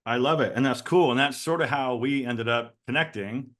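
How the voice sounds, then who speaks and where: A man's voice: mid-range voice, moderate pace, fairly bright tone. A middle-aged man hosting a casual interview in an informal, agreeable way. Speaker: host of men's lifestyle channel.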